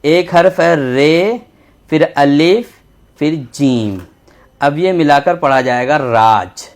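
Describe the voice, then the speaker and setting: A man's voice: on the high side, animated. Patient Urdu teacher, man. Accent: Indian Urdu. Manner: patient, slow, repeats letter names while writing. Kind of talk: textbook lesson for young children.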